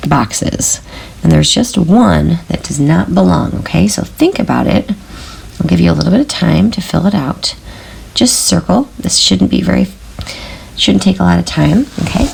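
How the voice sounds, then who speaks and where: A woman teacher delivers a recorded math lesson in a voice hoarse from a sore throat, patiently checking on her students with a frequent "okay?". Her voice is lowish and darkish in tone, and the audio is poor.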